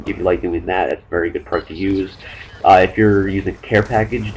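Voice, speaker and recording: A young man commenting over his own gameplay, talking fast and rambling with many fillers and restarts. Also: low-pitched, darkish tone, a little hiss or hum, low-quality recording. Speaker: gaming commentator.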